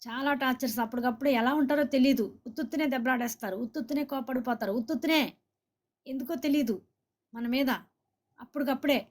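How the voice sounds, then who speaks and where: A woman's voice: high voice, a little mellow. A woman preaching a sermon, urging her listeners to say amen and speaking straight to viewers. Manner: exhorting, asks listeners to say amen; speaks directly to viewers and comments.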